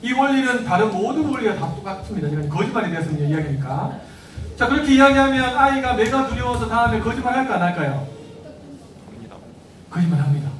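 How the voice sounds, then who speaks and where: A man's voice: very high voice, very animated, fast, fairly bright tone, a little hiss or hum. A man, a pastor, giving a sermon to parents, acting out parent and child voices and putting questions to the congregation. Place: church hall. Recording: echoey church hall, mic at a distance.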